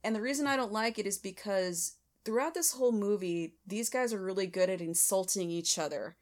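A woman in easygoing podcast talk, walking through her picks from a comedy film. Her voice sits at an ordinary pitch, and she reasons aloud with the occasional light laugh. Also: brisk. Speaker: podcast co-host. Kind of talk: casual film review chat.

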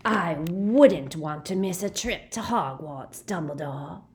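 A woman voicing a savage male werewolf with a rasping, barking voice, leering and menacing. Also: lowish voice, slow. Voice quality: rasping bark. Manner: leering, relishing.

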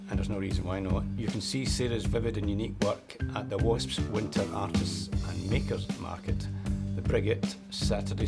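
A man's voice: lowish voice, creaky. A man hosting a chat show, reading an enthusiastic, slightly hesitant introduction. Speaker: podcast host. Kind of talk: scripted introduction. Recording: with loud guitar music behind.

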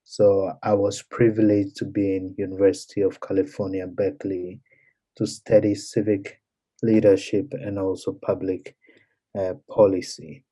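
Ghanaian man, young adult, interview guest, slow and halting, flat, mellow tone. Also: deep voice. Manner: measured, halting with fillers. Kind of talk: podcast interview.

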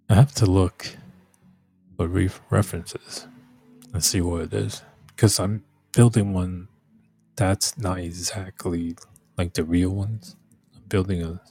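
A man talks in a low, slow, somewhat rough-edged voice. He rambles casually like a streamer, halting and repeating phrases as he goes. Soft music plays faintly behind him. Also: dry recording. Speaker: livestream host.

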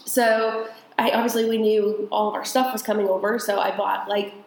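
A woman's voice: medium pitch, flat delivery, normal speed, gravelly, a little mellow, echoey room, rough recording. A woman from the United States, co-hosting a podcast in rambling casual chat, often laughing. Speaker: podcast co-host.

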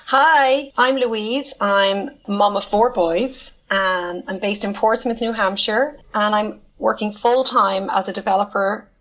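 A woman's voice: medium pitch, slow, few pauses, fairly bright tone, poor audio. A woman speaking enthusiastically as a panelist on a casual podcast. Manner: enthusiastic, eager.

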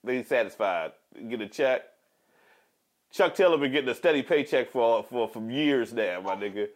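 A man's voice: medium pitch, animated, normal speed. A man in casual podcast chat, talking in slangy, profane, joking banter. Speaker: podcast host. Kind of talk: casual chat about pro wrestling.

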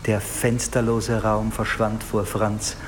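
A man giving scripted narration for a radio play, measured and even. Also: lowish voice, background noise.

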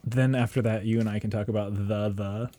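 A man's voice: on the low side, fairly even intonation, brisk, mellow. A man co-hosting a podcast, chatting casually and laughing often as he jokes and restarts his sentences. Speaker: podcast co-host. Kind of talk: casual chat.

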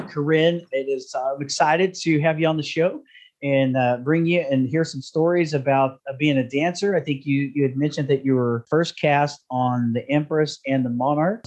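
A man's voice: fairly high pitch, a little mellow. A man hosting a podcast, telling stories in a loose, laughing, chatty way. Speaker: podcast host. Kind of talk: casual podcast chat.

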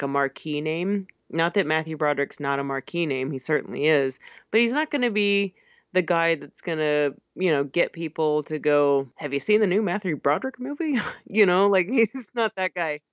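A woman's voice: sits low, clean tone, no room sound. A woman co-hosting a podcast, chatting casually about a film with frequent laughs and fillers. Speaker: podcast co-host. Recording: slightly dull lo-fi sound.

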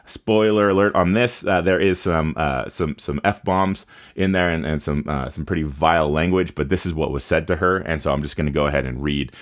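A man giving heated opinion commentary, indignant and halting, with many fillers and restarts. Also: extremely low pitch.

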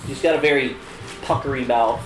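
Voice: medium pitch, fairly quick, over music. A tabletop game player chatting casually, rambling and joking along. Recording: echoey room, people chattering.

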